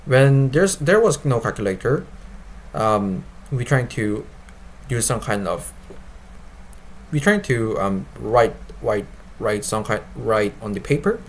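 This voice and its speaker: A man speaking non-native English, informally explaining and demonstrating his software in a halting way, often repeating and rephrasing himself. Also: mid-range voice, very animated, a little hiss or hum. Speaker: developer presenting his web app. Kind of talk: informal product demo and explanation.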